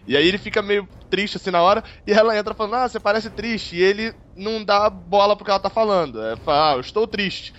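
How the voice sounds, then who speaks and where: Man, high voice, podcast co-host, animated recap, lo-fi sound, faint background music. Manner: animated retelling, acting out characters' lines. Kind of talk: casual recap chat about a TV episode. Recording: dull lo-fi audio with faint music behind.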